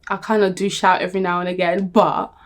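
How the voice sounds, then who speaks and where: A young woman talking to camera in a blunt, emphatic, animated way, laughing often. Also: lowish voice, a little fast. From Nigeria. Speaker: vlogger. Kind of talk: casual talk to camera.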